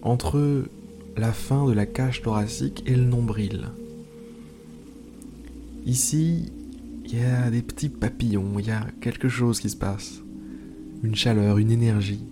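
A man hosting an improvised guided meditation, pausing often, repeating phrases and slipping into informal asides. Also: medium pitch, steady tone. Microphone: speaking into a microphone. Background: music.

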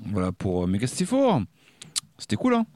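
A man co-hosting a live music radio show, chatting casually about old punk records and often pausing to search for words. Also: on the low side, wildly swooping pitch, darkish tone, a little hiss or hum. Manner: hesitant, many filler pauses. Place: radio studio.

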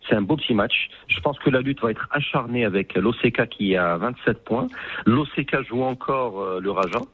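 Pundit radio, homme à la voix voilée, ligne téléphonique grêle, débit vif et hésitant. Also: male voice, mid-range voice, moderate pace, breathy edge, no echo. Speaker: football pundit. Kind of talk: radio sports analysis. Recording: tinny phone line.

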